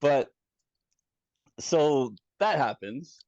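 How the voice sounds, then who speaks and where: A man casually recounting his own experience as a guest, animated and swearing freely, with chuckles along the way. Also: on the high side, extremely slow, no echo. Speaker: former community moderator telling his story. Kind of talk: casual first-person storytelling. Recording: dull, dry, somewhat lo-fi sound.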